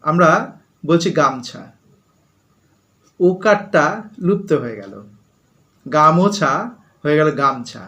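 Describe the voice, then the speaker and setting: Guy teacher going over a grammar lesson, kinda high voice, says things twice with examples. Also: fairly bright tone. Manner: explains slowly and repeats key phrases, with examples. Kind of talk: spoken grammar lesson for school students.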